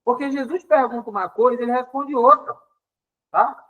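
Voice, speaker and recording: A man's voice: extremely high pitch, normal speed, muffled recording. A man with an accent from Pará teaching a Bible lesson, explaining Greek words and acting out dialogue with playful exasperation. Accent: Paraense Brazilian Portuguese. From Pará, Brazil. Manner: explanatory, with frequent "tá?" check-ins.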